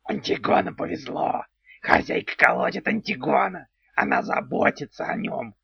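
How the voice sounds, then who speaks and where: A man voicing a gleefully perverse male house spirit in an audiobook, speaking slowly and strangely about himself in the third person. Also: medium pitch, animated, gravelly, slightly rough, heavily acted. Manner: slow, odd, talks of himself in third person. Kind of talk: audiobook character voice. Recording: dull lo-fi sound.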